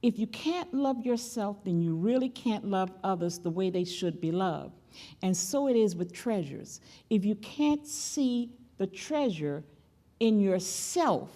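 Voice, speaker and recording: A woman's voice: medium pitch, mellow. An older woman, a great-grandmother, preaching as guest speaker at a church, emphatic and repeating key phrases as she calls on the audience. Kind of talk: sermon.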